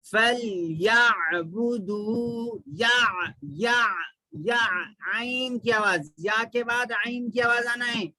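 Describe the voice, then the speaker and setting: A man teaching Quran recitation with a Pakistani Urdu accent, chanting verses slowly and then explaining them briskly, asking questions and answering them himself. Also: very high-pitched, sharp tone, no room sound, rough recording. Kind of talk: recitation lesson.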